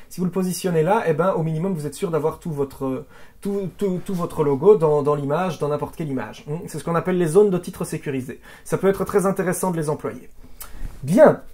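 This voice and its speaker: A video editing instructor giving a software tutorial, chatty, asking rhetorical questions and often restarting words. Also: mid-range voice, a little fast. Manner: chatty, with frequent "hop", "voilà" and "hein" fillers; asks rhetorical questions and answers them.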